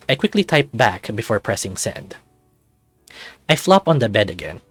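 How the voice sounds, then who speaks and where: The recording is dry as this channel host, medium in pitch, narrates a visual novel from a first-person view. He performs it with an animated, expressive storytelling style.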